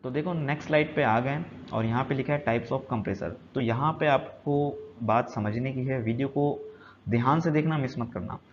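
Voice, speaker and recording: A man teaching a technical lesson from slides, explaining slowly and repeating key points, switching between Hindi and English terms. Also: mid-range voice. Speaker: HVAC instructor. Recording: dull lo-fi sound with faint noise.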